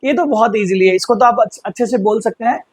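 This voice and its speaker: High-voiced teacher. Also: male voice, no room sound. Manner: explanatory, repeats words slowly for pronunciation. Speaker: English teacher. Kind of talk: vocabulary lesson.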